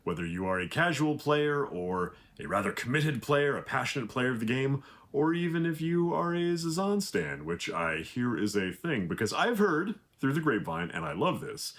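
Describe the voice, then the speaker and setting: A man with a low voice sends fans a recorded video message as a voice actor. His delivery swings lively and animated, full of playful, wry asides.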